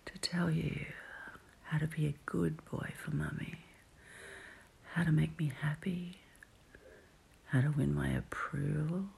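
A woman murmurs close and slow in a very breathy, husky whisper that often drops into a gravelly fry. Her delivery is soft and teasing, with long drawn-out hums between phrases. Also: deep voice, fairly even intonation. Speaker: audio roleplay performer. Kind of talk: intimate whispered roleplay audio.

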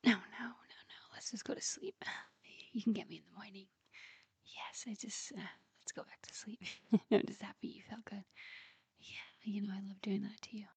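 A woman speaking in a soft, breathy whisper in an intimate roleplay recording, with frequent quiet giggles, close to the mic. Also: medium pitch, fairly even intonation, moderate pace, dry recording.

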